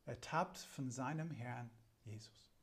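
A man with a light foreign accent preaching a sermon, speaking slowly and deliberately and reading scripture with drama. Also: medium pitch.

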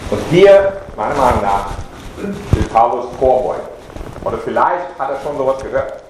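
A man preaching a Bible teaching sermon, explaining slowly with many pauses and fillers and stressing key words. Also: mid-range voice. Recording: echoey room with background noise.

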